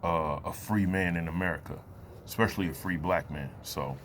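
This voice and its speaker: A man in his late thirties giving a reflective personal talk to camera, loose and halting, with many fillers and pauses. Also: deep voice, noisy background. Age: 30s. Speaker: vlogger.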